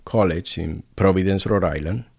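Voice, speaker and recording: Low-voiced Puerto Rican man, modest and brief. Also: normal speed, gravelly, darkish tone, husky. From Puerto Rico. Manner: modest, brief answers, a bit nervous. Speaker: restaurant owner and chef, guest. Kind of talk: casual interview chat.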